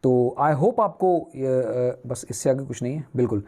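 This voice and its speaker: A man's voice: medium pitch, a little slow, warm tone. A man teaching newspaper vocabulary, asking and answering his own questions at a whiteboard.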